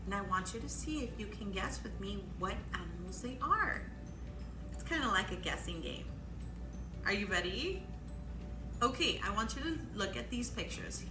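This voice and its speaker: A woman hosts a storytime for young children, her medium-pitched voice sing-song at a normal pace over background music. She's encouraging and exclamatory, quizzing her listeners during songs and guessing games. The room is echoey, with faint background noise.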